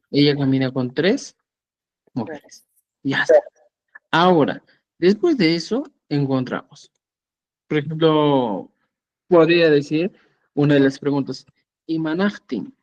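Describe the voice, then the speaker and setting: A man's voice: on the high side, a little mellow, highs cut off. A man teaching a language lesson, patiently repeating words and often checking that his students follow.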